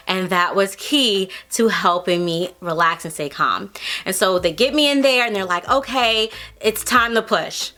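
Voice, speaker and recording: A woman's voice: medium pitch, pushed and bright. A woman in her thirties earnestly telling her own birth story in a casual vlog, acting out the voices of people she quotes.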